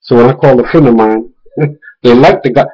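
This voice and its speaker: Speaking fairly quickly in a warm, mid-range voice, a vlogger gives an informal warning about a phone scam. He retells the phone conversations emphatically, repeating words for stress, and the recording sounds muffled.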